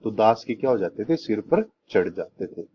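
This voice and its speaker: A man's voice: fairly low pitch, sing-song, moderate pace. Young man, exam tutor, rhetorical questions, repetitive, dull muffled sound, light background noise. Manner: repetitive, asks rhetorical questions and answers them. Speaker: teacher. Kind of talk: exam-prep lesson teaching memory tricks. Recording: dull lo-fi recording with faint noise.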